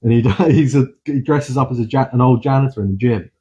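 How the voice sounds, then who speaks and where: Brief: man, podcast co-host, husky tone, lively swearing banter. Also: mid-range voice, fast, highs cut off. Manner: animated, swearing storyteller. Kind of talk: casual podcast chat.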